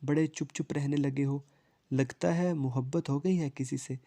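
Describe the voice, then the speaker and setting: A man's voice: mid-range voice, fairly even intonation, dark tone, lightly acted. A man voicing a playful, stubborn young woman who teases her cousin, in a storybook reading. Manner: teasing, stubborn.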